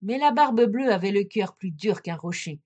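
A woman's voice: medium pitch, dull audio. Woman reading a classic fairy tale. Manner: measured, expressive narration. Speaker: storyteller.

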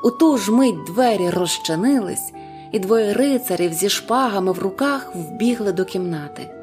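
A woman narrating a fairy tale in an expressive, dramatic reading. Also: mid-range voice, moderate pace, music in the background. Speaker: storyteller.

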